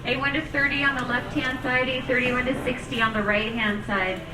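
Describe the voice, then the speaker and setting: A woman's voice: sits high, steady tone, moderate pace. A woman working as an airline gate agent, making boarding announcements over a public address system. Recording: echoey terminal PA, distant, background noise.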